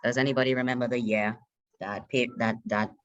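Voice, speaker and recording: Halting man leading an online lesson. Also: medium pitch, little pitch movement. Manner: halting, hesitant, many restarts. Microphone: video call. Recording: muffled video call audio.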